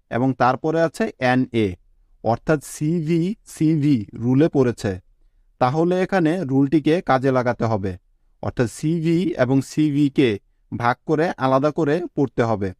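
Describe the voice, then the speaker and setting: A man giving a scripted spoken lesson as an English teacher, slowly spelling out letters and syllables. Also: mid-range voice, darkish tone, no room sound.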